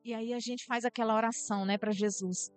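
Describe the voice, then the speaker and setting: High-voiced Brazilian woman preaching. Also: fairly even intonation, brisk, smooth, soft background music. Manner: earnest preaching, addresses the church directly. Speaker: pastor. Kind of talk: sermon.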